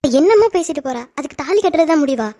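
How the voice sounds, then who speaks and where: A woman plays a middle-aged mother in a cartoon drama who scolds her grown son in a reproachful, pleading way. Her voice is high and quick, with a dry sound. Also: expressive, dark tone, no room sound.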